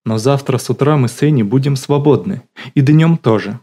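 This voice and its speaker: A man's voice: mid-range voice, brisk, dark tone, husky, pitched above the performer's own voice, close to an everyday voice. A man voicing a bossy middle-aged woman who swings between syrupy sweetness and barking drill-sergeant commands, in an audiobook. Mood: syrupy eager.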